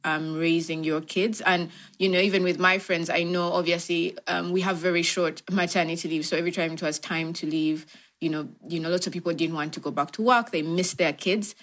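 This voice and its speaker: A young woman from Uganda speaks as an interview guest, with a voice a little lower than most women's. She talks in a reflective way, circling back with fillers and restarts as she thinks. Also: steady tone, fairly quick, fairly bright tone. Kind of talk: thoughtful interview answers.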